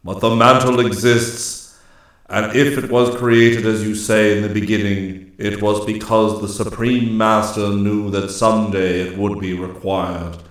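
A man voicing a solemn male immortal master of the forest, speaking gravely and slowly in a storybook reading. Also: fairly low pitch, level tone, very echoey, natural voice. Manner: grave, slow and declaiming.

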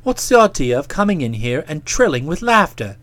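A woman reader voices a bluff, self-satisfied young gentleman author, dropping her voice low into a drawl. He lectures and explains himself at length, briskly, with lively swoops in pitch. The recording is close and dry, with no room sound.

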